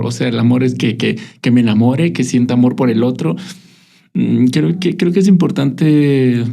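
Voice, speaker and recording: Reflective man with a gravelly voice. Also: medium pitch, warm tone. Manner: reflective, hesitant, many restarts and fillers. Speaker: podcast host. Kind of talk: casual spiritual conversation.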